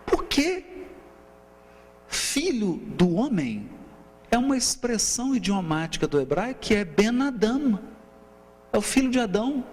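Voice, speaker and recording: Animated Brazilian man lecturing in a hall. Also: high voice, a little slow, long pauses. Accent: Brazilian Portuguese. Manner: animated, asks rhetorical questions, often adds "né?"; claps out rhythms with counting. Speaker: seminar lecturer. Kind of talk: explanatory seminar lecture. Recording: reverberant hall, faint hum.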